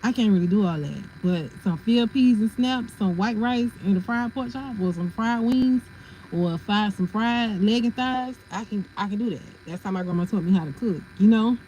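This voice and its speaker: A woman's voice: mid-range voice, moderate pace, mellow, a little hiss or hum, low-quality recording. A woman hosting a casual livestream, chatting and laughing as she answers viewers' comments. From family from South Carolina. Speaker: livestream host.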